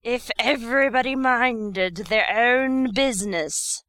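A woman playing a bad-tempered, domineering Duchess in an audiobook drama, blunt and scolding, with a hoarse growl. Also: on the high side, takes it slowly, fairly bright tone, no room sound. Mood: gruff disdain. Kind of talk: full-cast audiobook character acting.

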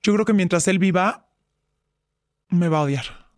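Her voice is lowish and unhurried, with no room sound. As a middle-aged guest in an interview, she earnestly tells her personal story and performs both sides of past quarrels.

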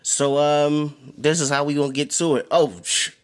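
A man's voice: on the high side, little pitch movement, moderate pace, clean tone. A man hosting a casual chat show, talking in a laid-back, slangy way and laughing often. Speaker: podcast host.

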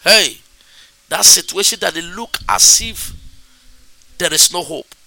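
Pastor guy praying loud, sharp bright voice, dry close sound, swoops up and down. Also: high-pitched, expressive, unhurried, creaky, dry recording. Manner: chanting repetitive declarations, rising to shouts. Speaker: preacher. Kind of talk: fervent prayer with speaking in tongues.

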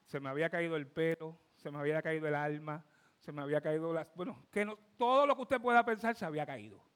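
A man in his fifties with a Puerto Rican accent, a pastor telling a testimony in a sermon, animated, swinging from loud to hushed. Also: on the high side, fast, clear, resonant tone. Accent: Puerto Rican Spanish. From Puerto Rico. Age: 50s.

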